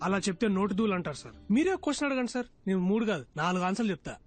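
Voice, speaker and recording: Give me a smooth-talking male job seeker who always has an answer. His voice sits high and he talks in a quick patter. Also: very animated, faint music behind. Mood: earnest. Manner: glib, fast-talking, pleading. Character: cocky talkative young male job applicant. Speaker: job candidate at an interview. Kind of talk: dubbed film dialogue.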